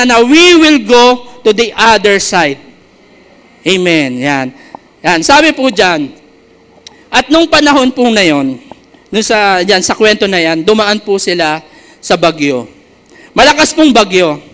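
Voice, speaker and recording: A man's voice: very high voice, bright, forceful tone. A man preaching a sermon to a congregation, stretching key words and often asking the listeners questions. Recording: reverberant hall.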